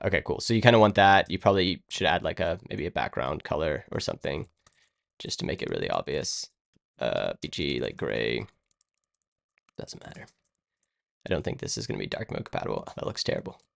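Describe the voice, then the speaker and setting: Low gravelly man thinking aloud. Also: a little mellow, no echo, studio quality. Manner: rambling, muttering to himself while working. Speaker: live-streaming web developer. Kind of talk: casual think-aloud coding stream.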